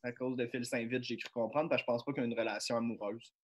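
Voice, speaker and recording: A man's voice: medium pitch, steady tone, fast. A man with a Quebec French accent telling casual stories and bantering with friends.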